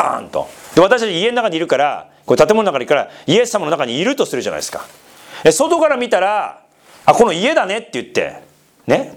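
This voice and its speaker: Animated man preaching a sermon. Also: high-pitched. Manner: animated, conversational preaching with questions to the congregation; mixes polite speech with casual asides. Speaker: pastor.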